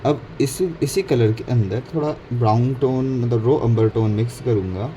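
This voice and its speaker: With a warm, mid-range voice at normal speed, a painting instructor walks through a casual tutorial, blending Hindi and English and catching his own slips. The recording is low quality, with faint background noise.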